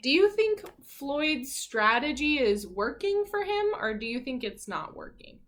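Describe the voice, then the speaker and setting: Reading a picture book to a group of children, a teacher speaks in a high-pitched voice. She keeps it expressive and encouraging, pausing to pose questions to the kids.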